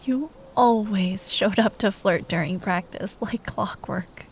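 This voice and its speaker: In a fantasy ASMR roleplay, a woman voices a proud royal knight deep in grief, speaking softly and haltingly, often in a breathy whisper that is tender but wry. Her voice is mid-range, with slight background noise.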